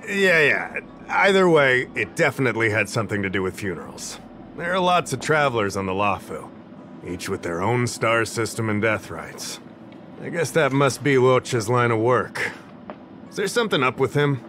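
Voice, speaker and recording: An actor playing a friendly, somewhat scatterbrained official in a video game, casual and easygoing. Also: male voice, medium pitch, sing-song, normal speed, sharp tone, slight background noise. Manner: casual and easygoing, a bit forgetful. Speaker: game character.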